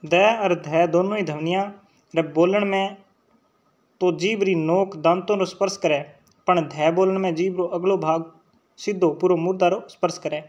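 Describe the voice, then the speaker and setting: A man's voice: high-pitched, fairly even intonation, moderate pace, a little mellow, dull audio. A man with a Rajasthani accent teaching an exam-prep lecture, sounding out letters and often checking in with his students. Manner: drills sounds aloud, checks in with "theek hai" often.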